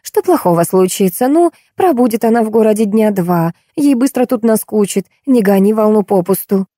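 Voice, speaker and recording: A woman reading the lines of a weary middle-aged woman who patiently calms her quarrelsome companion, in an audiobook. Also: medium pitch, normal speed, no room sound, clean studio sound, voice pushed up, lightly acted. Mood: exasperated. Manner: patient, then exasperated.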